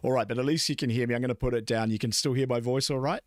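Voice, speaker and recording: A man's voice: mid-range voice, fairly even intonation, racing, no room sound, clean studio sound. A man with a New Zealand accent co-hosting a podcast, giving blunt, emphatic political commentary and chat. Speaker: podcast co-host.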